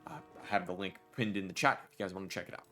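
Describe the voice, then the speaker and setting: A man's voice: deep voice, racing, sharp tone, faint music behind. A man streaming a game, chatting casually and jokingly to his viewers. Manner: chatty, addresses chat directly, jokey.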